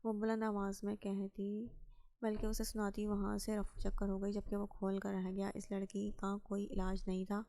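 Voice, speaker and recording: A woman narrating a romance novel aloud with steady storytelling. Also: medium pitch. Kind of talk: audiobook novel reading.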